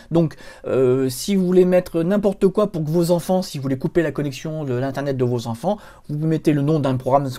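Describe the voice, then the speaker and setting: A man talks viewers through a computer tutorial step by step, chatty and loose, with frequent fillers. His voice is mellow and dark in tone, but his pitch swings widely as he points things out on screen. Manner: chatty, explains step by step with many fillers and "hop". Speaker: computer help tutorial host. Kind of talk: screen-recorded software tutorial.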